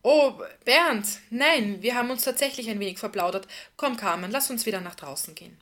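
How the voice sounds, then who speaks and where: A woman reading as a flustered, irritable woman who snaps in short, clipped lines. Her voice sits at an ordinary middle pitch and stays tense and defensive. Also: expressive, normal speed, fairly bright tone. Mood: forced cheer.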